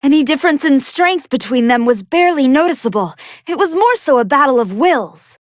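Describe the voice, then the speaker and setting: A young female android scientist from an anime fighting game, with a high voice in a dry studio sound. She speaks in formal, scholarly phrases as a commentator, earnest and excitable, with a hunger she struggles to contain. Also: fairly quick, dry recording. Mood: curious, analytical.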